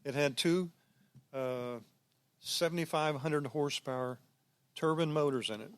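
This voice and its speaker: A man who is a guest on the show tells relaxed, easygoing anecdotes in casual conversation. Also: a little high, unhurried, clean tone, dry recording.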